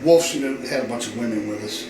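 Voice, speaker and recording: A man's voice: medium pitch, fast. Chatty man telling ghost stories, echoey. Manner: loose, chatty, swears freely. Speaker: guide at a historic house. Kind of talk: casual storytelling on a ghost tour. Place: indoors in an old house. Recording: echoey room, distant mic, noisy.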